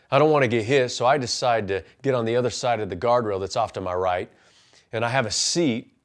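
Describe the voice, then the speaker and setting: A man in his forties, a life coach and pastor, telling his own story earnestly and then giving punchy motivational advice. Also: fairly low pitch. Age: 40s. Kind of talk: personal testimony and motivational talk.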